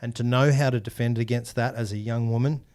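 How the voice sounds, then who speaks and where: A man hosting a podcast, relaxed and chatty as he asks questions and adds his own views. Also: medium pitch, fairly quick. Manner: relaxed, chatty, laughs easily. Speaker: podcast host. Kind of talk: casual podcast interview.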